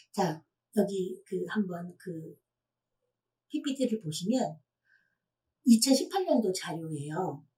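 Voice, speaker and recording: Woman lecturer for a teen audience, animated delivery, quizzes the room, mic set back. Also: medium pitch. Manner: explanatory, poses questions to the audience. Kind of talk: public lecture to teenagers. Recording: voice from a distant mic.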